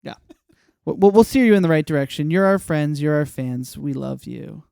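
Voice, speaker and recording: A man with a high, smooth, clear voice co-hosts a casual podcast chat. He jokes and hammers his points with animated emphasis, close-miked in a dry room. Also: fairly quick, dry recording. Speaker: podcast co-host.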